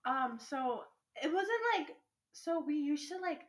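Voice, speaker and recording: This podcast co-host is a young teenage girl with a stuffy nose and a high voice who casually chats and tells stories in an excitable, rambling manner. Her pace, though, is slow.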